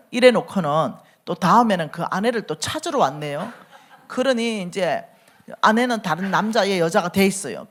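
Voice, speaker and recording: A middle-aged woman, preaching a sermon as a church elder and acting out the quoted speech as she tells the story. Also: medium pitch.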